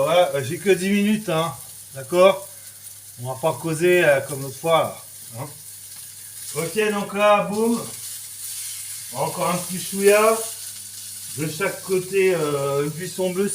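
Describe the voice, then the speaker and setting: French guy teaching a recipe, kinda high voice, chatty, roomy kitchen echo. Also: a little slow, pauses often, slight background noise. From France. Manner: chatty, lots of "hein" and "voilà", sound effects. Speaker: cooking teacher. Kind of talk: casual cooking demonstration. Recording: echoey kitchen, sizzling pan. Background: frying and sizzling.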